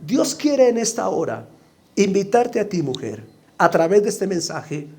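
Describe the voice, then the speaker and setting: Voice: medium pitch, warm tone. A preacher delivering a sermon with emphatic, repetitive rhetorical questions.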